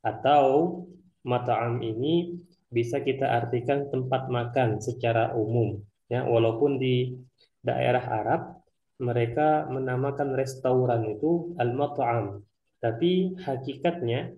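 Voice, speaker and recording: A man teaching Arabic, explaining a textbook dialogue word by word. He reads each Arabic phrase slowly, then glosses it. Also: medium pitch, echoey room, dull audio.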